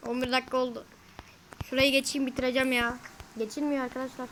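A fairly high-voiced woman chats through her own gameplay, speaking straight to her viewers. She is quick to grumble and exclaim when things go wrong. A faint noise hums behind her. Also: flat delivery, a bit bright, poor audio. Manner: easily frustrated, grumbling and exclaiming. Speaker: gamer. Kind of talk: casual gameplay commentary to viewers.

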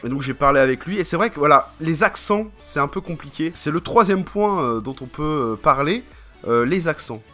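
A man from France talks loosely to his viewers, drifting from point to point with slang and constant fillers. His voice is bright and forceful and sits a little high. Faint music plays underneath. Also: expressive, moderate pace. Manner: rambling, slangy, full of fillers. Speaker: vlogger. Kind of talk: casual vlog chat.

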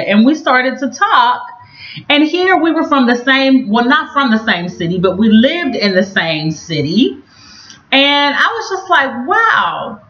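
A woman sharing a personal faith testimony with her viewers, speaking directly to them and acting out her own past lines with big jumps in pitch. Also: fairly bright tone. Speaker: video host sharing a personal story. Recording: roomy, slightly dull recording.

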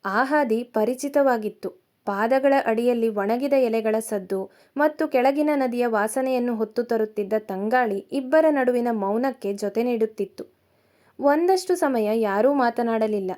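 Give me a woman storyteller with a fairly high voice, narrating a romance calmly. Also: a little slow.

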